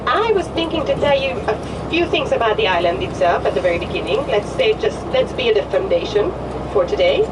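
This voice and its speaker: A woman with a Hungarian accent, a tour guide giving chatty, joking commentary on a coach, her voice a little hoarse. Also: a little high, animated, a little fast. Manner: friendly, chatty, joking with the group. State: slightly hoarse. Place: tour bus. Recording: distant voice with vehicle noise.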